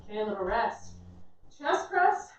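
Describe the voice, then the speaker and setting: A woman's voice: mid-range voice, big pitch swings, normal speed. A woman fitness instructor giving workout instructions in an encouraging, reassuring way. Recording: echoey room, distant dull mic, faint noise.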